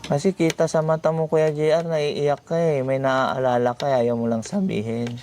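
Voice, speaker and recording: A man hosting a vlog, gently asking question after question. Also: fairly high pitch, flat delivery, moderate pace. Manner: gentle, repetitive coaxing questions. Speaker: vlogger host. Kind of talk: casual vlog chat, coaxing questions. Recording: noisy background.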